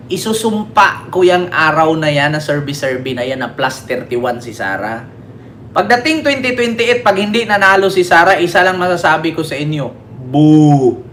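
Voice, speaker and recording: This livestream host from the Philippines runs a scornful political vlog, goading critics, swearing, and asking "di ba?" over and over. His voice is on the high side and fairly bright, and the recording carries a faint hiss or hum.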